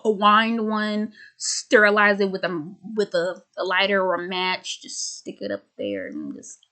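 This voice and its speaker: Woman, mid-twenties, casual vlog rant, stammering, sardonic, unhurried delivery. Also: medium pitch, animated, sharp tone. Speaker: vlogger.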